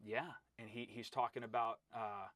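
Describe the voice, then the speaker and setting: A man's voice: mid-range voice, moderate pace, no room sound. A middle-aged man, a wrestling coach, telling stories in a casual interview, acting out quotes and calling his listener "bro.". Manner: animated storyteller, acts out quotes, says "bro" and "right?".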